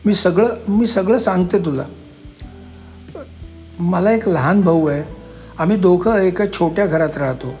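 A man's voice: high-pitched, unhurried, long pauses, a little mellow, faint music behind. A man voicing a desperate young woman who pleads and cries as she tells her story. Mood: tearful pleading. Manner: pleading, emotional. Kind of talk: storytelling voice acting.

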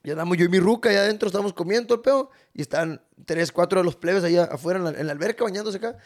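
A man's voice: high voice, very fast. A man, hosting a podcast and telling crude, slangy stories full of laughter. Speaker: podcast host. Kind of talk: casual chat.

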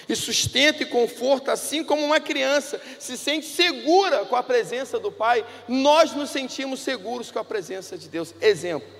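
A man preaching a sermon in a church, telling stories conversationally and swinging between hushed and loud delivery. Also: very high voice, creaky. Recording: reverberant hall with music.

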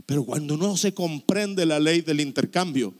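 A middle-aged male pastor preaches a sermon with emphasis, leaning heavily on repetition and rhetorical questions. His voice is a little high and his pace is moderate.

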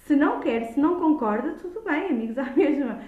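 A woman's voice: high-pitched, animated, brisk. A woman with a European Portuguese accent speaking emphatically in a conversational debate, repeating key words for stress. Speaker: childminder and early childhood educator, podcast guest. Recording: echoey room, dull lo-fi sound.

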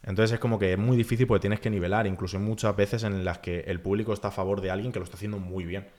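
Male guest, deep voice, rapid animated chat. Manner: animated, talks fast with lots of filler phrases. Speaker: guest, freestyle rapper. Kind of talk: casual podcast chat.

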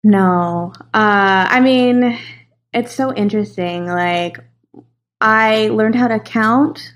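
A woman's voice: medium pitch, slow pace. A young woman from Los Angeles, a guest in a casual interview, talking in a chatty way with many fillers and easy laughter.

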